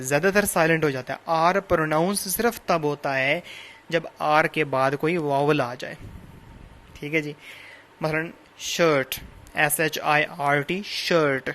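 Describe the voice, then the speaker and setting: A man with a fairly high, somewhat bright voice gives a recorded classroom lecture on a novel. He patiently unpacks English words through lists of translations and synonyms, going over and rephrasing every point.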